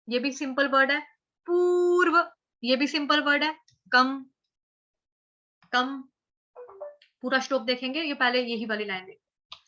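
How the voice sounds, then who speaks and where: A woman's voice: high voice, bright, forceful tone, dull audio. A woman teaching Sanskrit verse recitation, spelling words out letter by letter and then chanting the full verse. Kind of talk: slow syllable-by-syllable recitation lesson.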